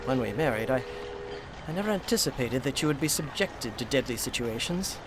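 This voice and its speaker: An actor playing a gallant, protective Victorian doctor in a radio drama, brisk, formal, earnest and commanding. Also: male voice, medium pitch, animated, lightly acted. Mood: tender, earnest. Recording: clear outdoor street and vehicle noise.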